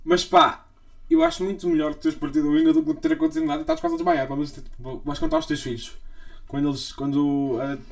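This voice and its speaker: Young male podcast co-host, European Portuguese accent, teasing, quick and bouncy. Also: fairly high pitch, animated, gravelly. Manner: teasing, jokey, laughs often. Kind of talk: casual chat.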